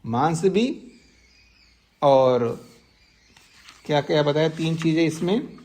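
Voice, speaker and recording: Guy teaching scripture to a class, kinda high voice, super slow, keeps asking questions. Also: darkish tone. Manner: slow deliberate explaining, recites and repeats Sanskrit terms. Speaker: teacher of Vedanta sutras. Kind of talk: scriptural lecture. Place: ashram class.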